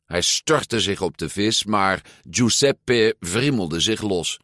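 A man narrating a children's storybook in a measured, expressive read-aloud manner. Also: fairly low pitch, no echo, clean studio sound. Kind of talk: storybook reading.

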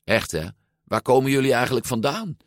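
A man's voice: mid-range voice, expressive, brisk, dry recording, studio quality, voice pushed up, natural voice. A man voicing a bossy, impatient young girl who scolds and drops in Italian words.

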